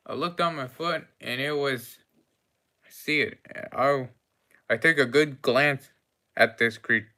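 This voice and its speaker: A man doing a fussy cafe owner, long-winded, gasping, bright voice, slow drawn-out delivery, tabletop game. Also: fairly high pitch, heavily acted. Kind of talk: role-play voice in a tabletop game.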